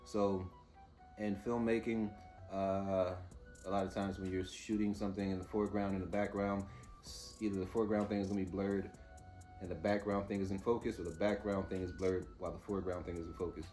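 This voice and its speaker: A man's voice: sits low, level tone, a little fast, warm tone, faint music behind. A man giving a casual, off-the-cuff TV review, informal and opinionated as he mulls things over aloud. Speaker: host reviewing TV episodes.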